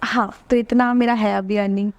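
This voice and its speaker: A woman's voice: medium pitch, fairly even intonation, moderate pace, a little mellow, highs cut off. A young woman in her early twenties, a model and influencer, chatting confidently as a podcast guest and mixing English into her talk. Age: 20s. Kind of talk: casual interview chat.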